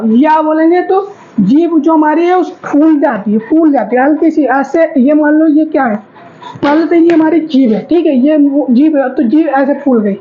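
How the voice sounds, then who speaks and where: Brief: high-pitched female teacher, repetitive syllable drills, slightly muffled audio with faint background noise. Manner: drills sounds aloud, asks class to repeat. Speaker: Hindi grammar teacher. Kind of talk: classroom lesson with drilled syllables.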